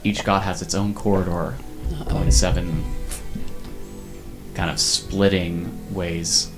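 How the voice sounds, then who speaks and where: Low-voiced male game master. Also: flat delivery, music in the background. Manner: descriptive, halting with fillers. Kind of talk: narrating a tabletop game.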